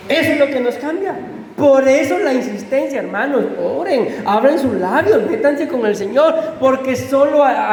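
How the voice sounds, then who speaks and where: A man's voice: extremely high pitch, a little mellow. Man as pastor, fervent sermon, echoey hall with long reverb and faint ambience. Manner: fervent, addresses congregation with questions. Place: church sanctuary.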